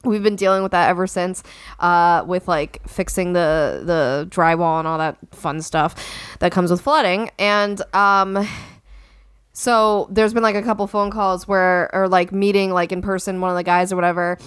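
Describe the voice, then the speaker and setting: A young woman co-hosting a podcast in casual chat, excitable and quick to laugh. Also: fairly low pitch, clear, resonant tone, no echo, clean studio sound. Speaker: podcast co-host.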